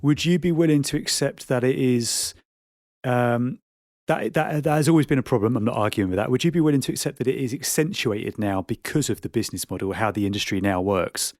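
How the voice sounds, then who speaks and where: A man's voice: medium pitch, brisk, darkish tone, no room sound, clean studio sound. A man co-hosting a podcast, chatting casually and laughing often. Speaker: podcast co-host.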